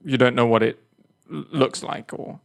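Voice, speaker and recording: A man with an English accent co-hosting a podcast, chatting casually and telling anecdotes in a relaxed way. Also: medium pitch, normal speed, creaky. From England. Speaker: podcast co-host. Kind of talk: casual chat.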